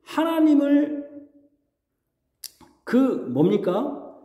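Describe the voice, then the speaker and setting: A man's voice: very high voice, big pitch swings, extremely slow, phone-quality sound. A man preaching a sermon as pastor. He talks conversationally, puts questions to the congregation and acts out mocking voices. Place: church sanctuary. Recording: echoey hall reverb.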